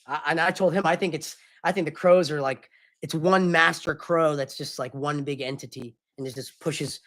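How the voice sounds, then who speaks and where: A man's voice: a little high, steady tone, moderate pace, fairly bright tone. A young man streamer chatting casually with his live chat, loose and slangy, often apologizing.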